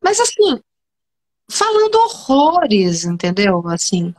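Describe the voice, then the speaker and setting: A woman's voice: fairly high pitch, wildly swooping pitch, takes it slowly, a little mellow. A Brazilian woman psychoanalyst talking animatedly as a guest in an online interview, emphatic and often restarting her sentences. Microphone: video call.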